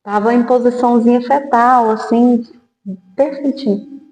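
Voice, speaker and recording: A woman with a dark, mellow voice tells a painful personal story in earnest. She is a podcast guest who acts out the lines of people in her memory. The sound is roomy, with a long echo like a hall. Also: on the high side, fairly even intonation, a little slow, dull audio. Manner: earnest, acts out remembered dialogue. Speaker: guest sharing a testimony. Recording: echoey hall.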